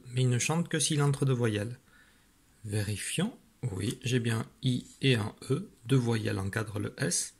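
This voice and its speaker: Slow, husky man teaching spelling. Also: mid-range voice, a little mellow. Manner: slow, patient, sounding out syllables. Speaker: primary school teacher. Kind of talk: spelling dictation lesson.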